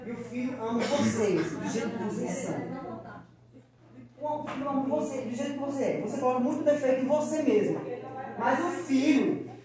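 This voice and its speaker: A man's voice: very high-pitched, normal speed. A man giving an informal motivational talk to mothers at a school. He speaks in a chatty way and acts out little family dialogues. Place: large school hall with an audience. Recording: very echoey hall, mic far off, crowd.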